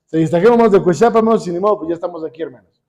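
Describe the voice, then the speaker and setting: A man with a Mexican accent preaching a sermon, constantly asking the congregation questions and pausing for them to finish his sentences. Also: sits high, warm tone, lo-fi sound. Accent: Mexican Spanish. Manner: calls on the congregation with repeated questions.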